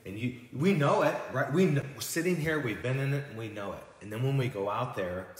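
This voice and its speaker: A man who's a guest at church talks about faith casually in a medium-pitched, expressive voice, fairly quickly. He's reflective and agreeable, often backchanneling, and the room sounds roomy and echoey.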